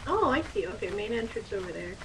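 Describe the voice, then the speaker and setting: A woman in casual gaming chat, excitable and slangy as she plays with others. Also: medium pitch, quick pace, a little hiss or hum, rough recording. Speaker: player in a multiplayer game.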